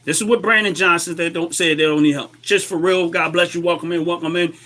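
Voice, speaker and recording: A man with an American accent hosting a casual, opinionated livestream commentary while a little under the weather, clearing his throat and repeating phrases for emphasis. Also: on the high side, fairly even intonation, a little fast, pushed and bright. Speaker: livestream host.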